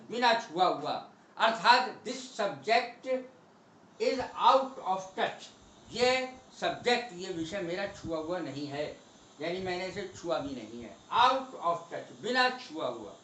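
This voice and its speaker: A man teaching English phrases, reading each example slowly and deliberately, then explaining it briskly. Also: high-pitched, pushed and bright, echoey room, recorded from a distance, slight background noise, low-quality recording. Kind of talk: Hindi-language English vocabulary lesson.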